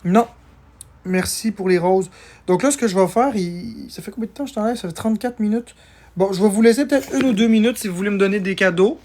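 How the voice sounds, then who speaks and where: A man's voice: high-pitched, fast talker, darkish tone. A man, tired, chatting casually on a live stream as he answers viewer comments and thanks people for gifts.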